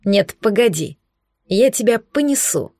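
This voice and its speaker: Incubus husband, a woman voicing him, devoted, soft, unhurried, dry close sound. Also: medium pitch, animated, no room sound. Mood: joyful.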